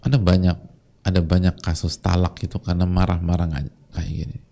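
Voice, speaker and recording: A male preacher speaks to his congregation in a low, gravelly voice. His tone is dark and mellow, and he keeps the sermon casual and chatty. He sometimes briefly mimics his listeners' voices. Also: level tone, brisk.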